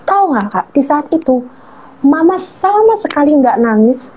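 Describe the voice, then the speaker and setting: A woman telling a heartfelt personal story as an interview guest, earnest and slowing on key words. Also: high-pitched, sing-song, darkish tone. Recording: muffled lo-fi audio with faint hiss.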